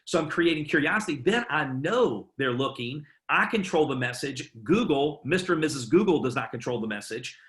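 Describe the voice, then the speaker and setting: Energetic man coaching, echoey room. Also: a little high, moderate pace, few pauses. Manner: enthusiastic, punchy, joking. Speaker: network marketing trainer. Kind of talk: energetic training talk.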